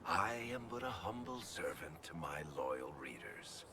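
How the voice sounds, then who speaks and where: An actor playing a wry, teasing male dwarf storyteller in video game dialogue, with a deep gravelly voice. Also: very animated, unhurried, bright, forceful tone, slight background noise, exaggerated voice. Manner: teasing, dry humor.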